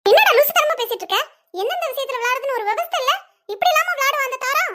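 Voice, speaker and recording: A woman voices a sharp-tongued cartoon mother who scolds her son with exasperation. The voice sits very high and shrill throughout. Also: expressive, normal speed. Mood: scolding. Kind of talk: animated web series voice acting.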